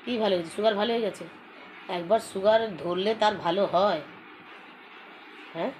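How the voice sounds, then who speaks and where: A woman's voice: mid-range voice, normal speed, a little mellow, slight background noise. A woman, chatting with her family at home in a casual vlog, teasing and scolding. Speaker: family vlogger.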